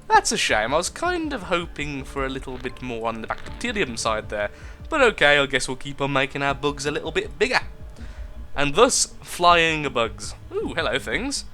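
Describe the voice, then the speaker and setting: A man's voice: mid-range voice, sharp tone. A young man chatting through a game in a casual, jokey way, reading the on-screen text aloud. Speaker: gaming video host. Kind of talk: casual gameplay commentary.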